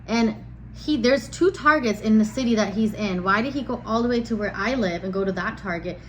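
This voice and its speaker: A woman's voice: fairly high pitch, fairly quick, a bit bright, slight background noise, poor audio. A young woman telling a dating story to camera in a chatty, exasperated way, full of filler words. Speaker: vlogger. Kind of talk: casual storytelling.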